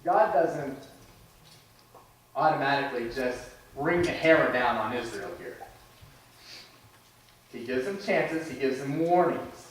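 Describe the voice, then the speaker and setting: Preacher in an echoey church hall. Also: male voice, medium pitch, a little slow, pauses often, far from the mic. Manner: conversational, with restarts and asides. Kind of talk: sermon. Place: church sanctuary.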